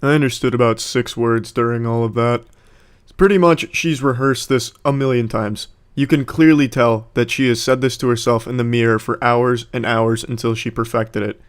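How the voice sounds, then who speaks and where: Sarcastic man with a smooth voice. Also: medium pitch, fairly even intonation, moderate pace. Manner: sarcastic, mocking. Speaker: commentator reacting to clips. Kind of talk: comedic reaction commentary.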